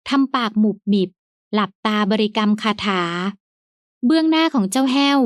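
A woman narrating an audiobook in a polite, clear storytelling manner. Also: a little high, expressive, normal speed, no room sound, studio quality.

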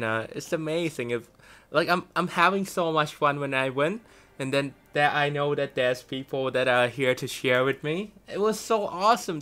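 A man's voice: on the high side, bright, forceful tone. A young man streaming a video game live, chatting with viewers and thanking them. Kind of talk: live gaming stream chat.

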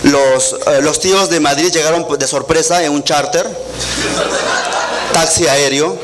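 A male stand-up comedian with an Andean Peruvian accent spins a self-mocking story on stage, checking in with the crowd through constant tag questions. His voice runs high for a man. The live recording carries heavy background noise. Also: steady tone, unhurried. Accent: Andean Peruvian Spanish. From Peruvian Andes.

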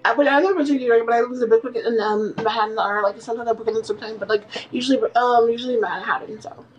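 A young woman hosting a prank video chat, asking strangers odd questions in a rambling, deadpan way. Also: a little high, rapid-fire, muffled recording, slight background noise. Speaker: livestream host.

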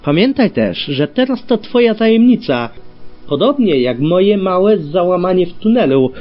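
A man's voice: high voice, very animated, normal speed. A man voicing a huge old male dragon who speaks in a gloomy, menacing growl. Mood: gruff. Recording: dull lo-fi with faint music.

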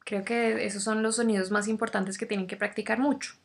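A woman and native Spanish speaker teaching English pronunciation, speaking slowly and demonstrating each sound over and over. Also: mid-range voice, level tone, gravelly. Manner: slow, demonstrative, repeats sounds. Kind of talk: pronunciation lesson.

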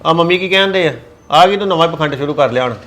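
A man's voice: on the high side, fast, fairly bright tone, close to an everyday voice. A man playing a stern, scolding elder brother. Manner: scolding, exasperated. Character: stern elder brother, irritated, refuses to fund sibling. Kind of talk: scripted web drama acting.

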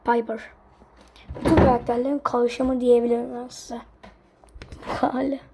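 A woman's voice: a little high, flat delivery, normal speed, a little hiss or hum. A woman commentating her own gameplay, swinging between muttered asides and frustrated, cursing outbursts at her teammates. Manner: drops to muttered asides between loud cries. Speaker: gaming streamer.

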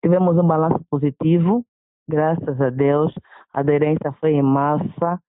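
A woman's voice: sits low, steady tone, moderate pace, no room sound. Woman doctor on a tinny line. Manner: repetitive, stacking lists. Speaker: doctor and organizer of the health project. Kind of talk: event summary in a report. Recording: tinny phone-like sound.

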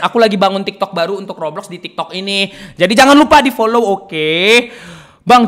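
A young man streaming a game, chatting loudly and teasingly with his viewers and laughing often. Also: high-pitched. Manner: loud, teasing and excitable, with frequent laughter and repeated "ya kan". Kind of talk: casual live-stream chat.

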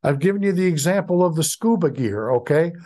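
A man's voice: a little high, animated, dark tone. A middle-aged American man preaching a sermon as pastor, with frequent fillers and restarts. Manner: halting, many fillers and restarts.

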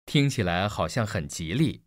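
Male student for a listening dialogue: curious, questioning, lively intonation, dry recording. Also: fairly low pitch, moderate pace, no echo. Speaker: student in a scripted textbook dialogue. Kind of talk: scripted listening-exercise dialogue.

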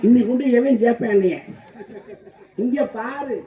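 A man's voice: extremely high pitch, moderate pace, warm tone, distant mic, dull audio. A man doing playful, teasing banter as a stage comedian, speaking into a microphone in a live show.

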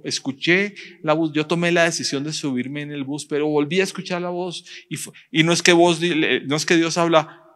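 A man, a pastor preaching a sermon in church, speaking directly to the congregation and slowing down to stress his points. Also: on the high side, a bit bright. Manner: direct, addresses the congregation, rising emphasis and slow stressed phrases.

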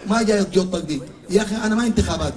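A man playing a flustered young TV street presenter with a Sudanese accent, pleading and exasperated in fast talk. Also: sits high, darkish tone, close to an everyday voice. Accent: Sudanese Arabic. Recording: distant mic with a crowd behind.

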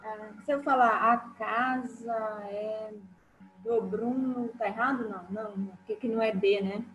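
A woman's voice: on the high side, steady tone, normal speed, fairly bright tone, a little hiss or hum, low-quality recording. A woman student, asking curious questions in an online class and thinking aloud as she goes.

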